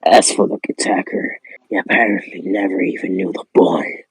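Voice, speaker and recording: A man with a gravelly, husky voice reads a horror story in a playful spooky manner, sweary and irreverent, with joking asides. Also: low voice, fairly even intonation, normal speed, no room sound, rough recording. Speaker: host reading a spooky story. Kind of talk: scripted horror narration broken by casual joking asides.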